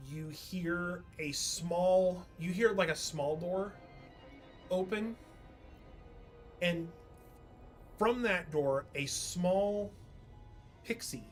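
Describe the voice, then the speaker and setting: A woman game master with a slightly low voice, describing scenes for a tabletop game. She takes her time, assembling the picture in improvised phrases over faint music. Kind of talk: narrating a tabletop role-playing game.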